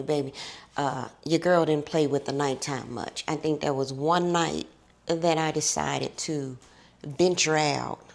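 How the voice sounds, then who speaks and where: In a casual chatty vlog, a middle-aged woman drawls on to her audience, addressing them as honey and baby. Low and gravelly, her voice has a somewhat weary, scratchy quality.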